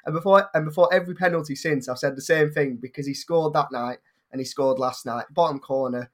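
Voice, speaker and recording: A man's voice: on the high side, fairly quick. A man guest on a football podcast, talking enthusiastically and rambling a little. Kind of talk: casual football podcast chat.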